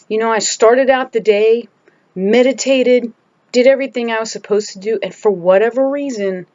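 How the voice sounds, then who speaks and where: A woman's voice: on the high side, darkish tone, dry recording, highs cut off. Candid, emphatic woman's home vlog. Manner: candid and emphatic, restarts and trails off. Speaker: vlogger. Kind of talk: casual personal video diary.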